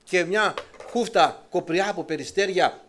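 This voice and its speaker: A middle-aged man preaching a sermon to a congregation, emphatic, his voice climbing high and then dropping low. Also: fairly bright tone, a little hiss or hum.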